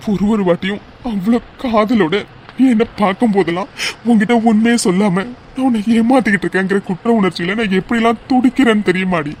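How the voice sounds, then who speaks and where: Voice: medium pitch, a little mellow, a little hiss or hum, natural voice. Someone voicing a guilt-ridden lovesick young man. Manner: pleading, earnest and emotional. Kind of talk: cartoon voice dub.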